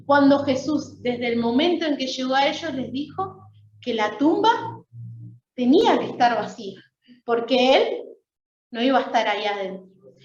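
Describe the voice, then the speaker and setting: A woman preaching an Easter week sermon in a church, talking in a conversational way and often checking in with her listeners. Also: high-pitched. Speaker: lay preacher. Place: church sanctuary. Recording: echoey, dull church sound.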